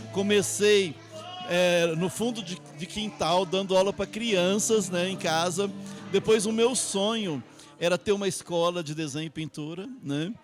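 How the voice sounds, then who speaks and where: A middle-aged Brazilian man, an artist guest, telling his life story in a rambling way, often ending phrases with tag questions. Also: sits high. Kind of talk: interview storytelling. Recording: music playing behind.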